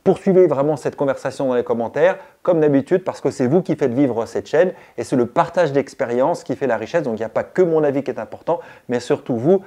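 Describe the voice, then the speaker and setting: A man's voice: mid-range voice, a little fast, few pauses, dark tone. A man hosting a cycling channel, giving a chatty gear review and explaining step by step to his viewers.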